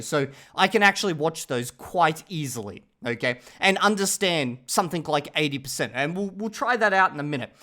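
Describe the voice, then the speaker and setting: A channel host reviews his own language learning in a casual talking-head video. His voice is a little high and a bit bright, and he rambles chattily, often pausing to check in with the viewer.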